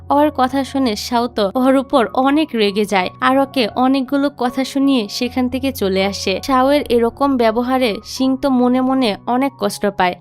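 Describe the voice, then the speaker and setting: A woman, narrating a drama recap in a steady storytelling way with chatty asides. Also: on the high side. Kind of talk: scripted narration. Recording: faint background music.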